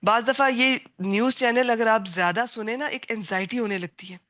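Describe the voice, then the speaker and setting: Bright-voiced woman teacher giving a class. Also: on the high side, no echo. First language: Punjabi. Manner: warm, earnest, digressive teacherly talk with English words mixed in. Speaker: Quran and Arabic grammar teacher. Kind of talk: online class lecture.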